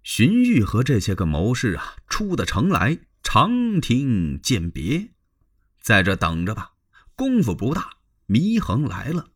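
A man's voice: medium pitch, wildly swooping pitch, a little slow, slightly rough. A man performing a traditional spoken story in a dramatic, conversational way with asides to the listener.

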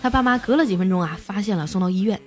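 A young adult woman hosting a comedy show, reading listener jokes aloud in a playful, lively way and chuckling at them. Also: racing. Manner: playful, chuckles at the jokes, jumps high for quoted voices. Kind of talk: lively comic joke reading. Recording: background music under the voice.

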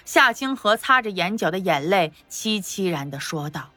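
Woman, audio drama narrator, expressive storytelling, dry close sound. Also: medium pitch, normal speed, dry recording, soft background music.

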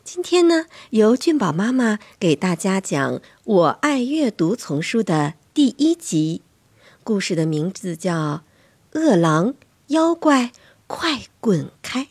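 A woman reading a bedtime story to children, animated and dramatic, dipping into whispers. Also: mid-range voice, takes it slowly, slightly rough.

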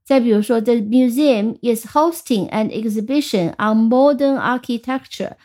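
A middle-aged woman teaching English vocabulary on a radio show, patiently spelling words letter by letter and reading example sentences slowly and clearly. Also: fairly high pitch, dark tone.

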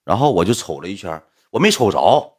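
A man's voice: low-pitched, big pitch swings, a little fast, husky. A young man with a Northeastern Mandarin accent telling a story to an audience in a blunt, colloquial way, swearing now and then and voicing both sides of the dialogue. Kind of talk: casual spoken storytelling to an audience.

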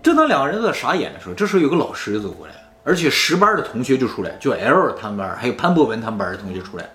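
Lively fast-talking man telling a story. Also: medium pitch, echoey room. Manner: animated, acts out quoted lines. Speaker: storyteller host. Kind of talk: casual storytelling chat.

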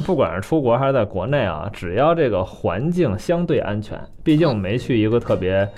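A man's voice: mid-range voice, big pitch swings, fairly quick, a little mellow. A man from China with a Beijing accent, chatting casually as a guest and telling family stories in a colloquial, joking way. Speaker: guest, father sharing family travel stories. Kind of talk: casual conversational storytelling. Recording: music behind the talk.

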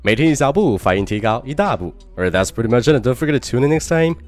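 A man's voice: medium pitch, sing-song, fast, darkish tone, faint music behind. A man teaching English pronunciation in a chatty, teasing way, talking straight to the listener. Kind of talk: recorded pronunciation lesson.

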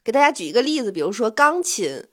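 A woman co-hosting a podcast in casual chat, chatty and quick to jump in with everyday examples. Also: on the high side, sing-song. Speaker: podcast co-host.

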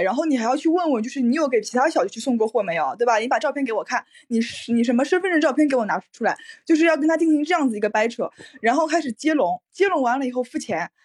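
High, husky-voiced woman podcast co-host. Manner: chatty, many fillers, frequent laughter. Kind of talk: casual podcast chat.

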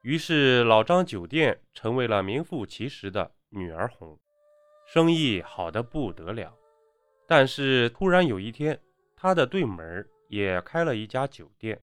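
A man narrating a spoken horror story in an animated, suspenseful way. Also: mid-range voice.

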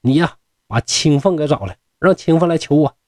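A man's voice: on the high side, normal speed, darkish tone, no echo, studio quality, close to an everyday voice. A man voicing a proud young scholar who teases and grumbles in blunt colloquial speech. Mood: mocking. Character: proud young scholar, teasing and grudge-holding.

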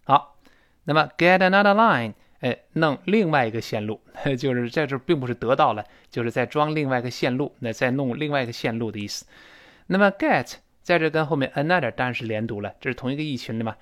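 A man teaching a spoken English lesson. He breaks words apart and repeats them slowly, with chatty asides along the way. His pitch sits in the middle range for a man. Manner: chatty, with little asides and soft laughs.

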